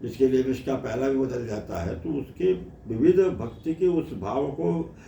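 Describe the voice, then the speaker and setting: Slow, deliberate man in his eighties. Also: mid-range voice, mellow, slight background noise. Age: 80s. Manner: slow and deliberate, reflective, speaks with devotion. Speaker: classical music scholar. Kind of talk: conversational interview, with sung demonstrations. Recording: roomy, distant and dull-toned, faint ambience.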